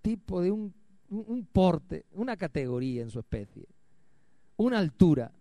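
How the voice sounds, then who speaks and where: A male pastor preaching a sermon to his church, firing rhetorical questions at the congregation and swinging from loud, emphatic lines to quiet ones. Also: high-pitched, big pitch swings, moderate pace, no echo.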